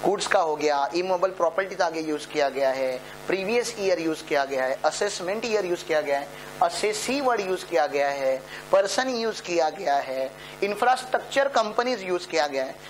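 A man's voice: high voice, animated, normal speed, a little hiss or hum. A man giving a classroom lecture on tax law to exam students, explaining step by step, checking understanding with frequent tag questions and posing students' questions himself with a joking touch. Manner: playful, poses students' questions himself and jokes. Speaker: tax law teacher for accountancy exams. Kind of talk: classroom lecture mixing Hindi and English.

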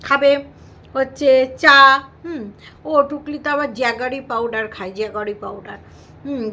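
A woman's voice: sits high, bright, forceful tone, slight background noise. A Bengali woman vlogger chatting casually and teasingly about another creator's videos, full of fillers and playful asides. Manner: gossipy and teasing, many fillers, slips into mock Hindi.

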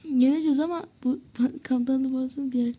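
Excitable woman gamer, high mellow voice, talks to viewers while playing, groans and swears at misses. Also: fairly quick, slightly rough. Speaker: gameplay commentator. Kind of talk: casual gameplay commentary to viewers.

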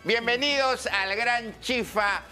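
An actor playing a silly cooking show host with a clownish voice and a Peruvian Spanish accent, announcing like a drawn-out showman. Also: very high voice. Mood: showy, jovial. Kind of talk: parody game show presenting. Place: TV studio kitchen set. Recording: loud music behind the voice.

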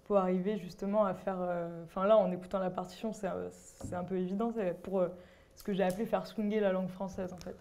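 A young woman moderating an academic seminar, explaining linguistics with many pauses and fillers. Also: fairly low pitch, fairly even intonation, mellow. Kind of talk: academic discussion.

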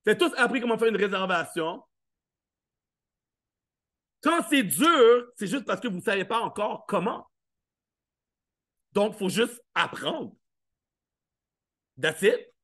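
A man with a high, forceful voice speaks from a live event stage. He questions his listeners directly and slips into quick acted scenes. The delivery stays playful and punchy. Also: animated. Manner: playful, questions the audience, acts out little scenes. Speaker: motivational speaker. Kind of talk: live motivational talk to an audience.

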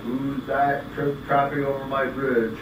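In a roomy, hissy recording, a man plays a hungry storybook troll for a puppet show. He is menacing and stretches out his challenges slowly. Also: medium pitch, close to an everyday voice. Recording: echoey room, distant mic, steady hiss.

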